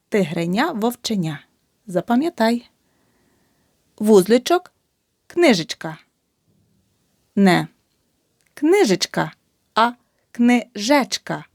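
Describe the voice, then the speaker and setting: A woman teacher slowly drilling spelling, saying words one by one with emphasis. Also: mid-range voice, darkish tone, dry recording, studio quality. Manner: slow, emphatic word-by-word dictation. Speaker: language teacher.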